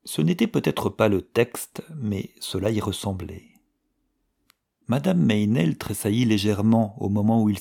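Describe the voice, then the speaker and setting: Gravelly low-voiced male narrator. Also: warm tone. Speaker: audiobook narrator. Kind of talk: scripted narration.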